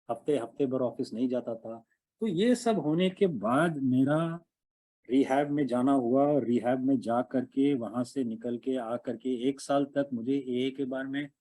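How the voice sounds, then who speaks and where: Earnest, halting man with mellow voice. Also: medium pitch. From India. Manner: halting, earnest, many fillers and restarts. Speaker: recovering alcoholic sharing at a meeting. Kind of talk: personal testimony at an online support meeting. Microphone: online call microphone.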